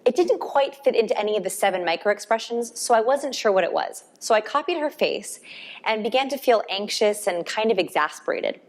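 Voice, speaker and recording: A woman's voice: mid-range voice, lively intonation, a little fast. A woman with a mid-range voice gives a recorded coaching lesson. She explains a concept step by step and ties it to her work with clients. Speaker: life coaching course instructor. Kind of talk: recorded course lecture.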